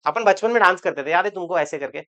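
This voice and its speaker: A man's voice: sits high, expressive, quick pace, fairly bright tone. A male chemistry teacher giving an online exam-prep lecture. He talks in a loose, chatty way, repeats words over and over for emphasis, and drops joking asides to his students.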